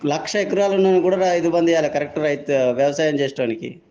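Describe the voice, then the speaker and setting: A man's voice: fairly high pitch, flat delivery, dark tone. Angry man leaving a muffled phone voice message. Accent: Telangana Telugu. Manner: scolding, accusing, rapid-fire questions. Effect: recorded phone voice message. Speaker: angry member of the public.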